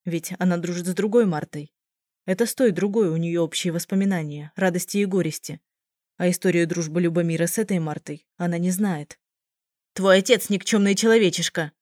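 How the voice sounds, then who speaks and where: Female audiobook narrator, low and even, dry recording. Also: brisk, dry recording. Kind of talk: scripted narration.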